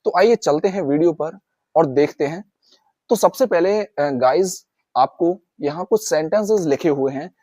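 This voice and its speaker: A man's voice: on the high side, dark tone, dry recording. Man teaching in a dry room. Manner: repeats phrases slowly for practice, addresses viewers as guys. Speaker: English teacher. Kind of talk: spoken lesson.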